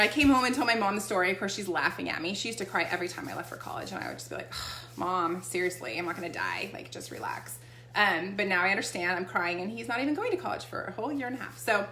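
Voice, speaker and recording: She's an essential oil seller from Texas whose mid-range voice sounds pushed and bright. Her product demo is a casual chat full of check-ins with the listener, recorded in an echoey room with a faint hum.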